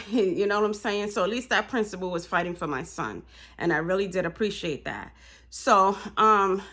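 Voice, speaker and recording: A woman's voice: mid-range voice, lively intonation, normal speed. A woman vlogging casually to her viewers as a parent, speaking, fired up and indignant, often asking "you know what I'm saying". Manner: heated, rising to indignant outbursts. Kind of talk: casual vlog talk to viewers. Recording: music loud behind the voice. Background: loud music.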